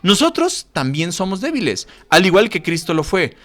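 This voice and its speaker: Emphatic pastor, lively voice. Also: male voice, high voice, normal speed. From Mexico. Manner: emphatic, scolding, asks rhetorical questions. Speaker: pastor teaching a Bible class. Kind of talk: sermon-style Bible lesson.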